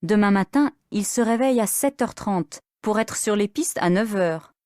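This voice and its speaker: A woman narrating a story for beginner language learners in a clear, expressive manner. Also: medium pitch, moderate pace, dry recording, clean studio sound.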